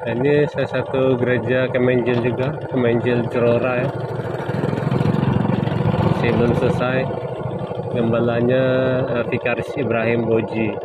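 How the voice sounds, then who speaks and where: A man's voice: mid-range voice, level tone, moderate pace, long pauses. A man casually narrating a motorbike ride outdoors, chatting to viewers like a tour guide, his voice partly carried off by the wind. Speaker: moto vlogger. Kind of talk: casual narration while riding. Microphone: camera mic with no external cable, wind on mic. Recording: loud wind and engine noise. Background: motorbike engine and wind.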